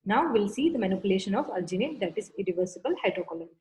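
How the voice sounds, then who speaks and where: A woman's voice: medium pitch, lively intonation, very fast, mellow, poor audio. A woman lecturing on dental materials, going through classifications step by step in a methodical, instructional way. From India.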